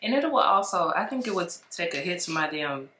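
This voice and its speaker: A woman co-hosting a casual advice chat, talking in an animated way and laughing easily. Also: lowish voice, a little fast, echoey room. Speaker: co-host of an advice show.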